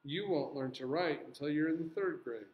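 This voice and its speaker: A man's voice: a little high, normal speed, reverberant, narrow, tinny audio, lightly acted. A man voicing a prim young female schoolteacher who grows impatient with her pupils. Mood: instructing.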